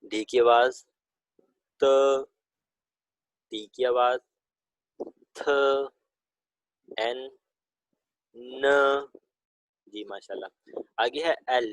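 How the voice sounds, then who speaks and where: A man's voice: mid-range voice, fairly even intonation, no room sound, poor audio. A man teaching a pronunciation lesson, who patiently drills sounds one by one and has his students repeat them aloud. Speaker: Chinese language teacher.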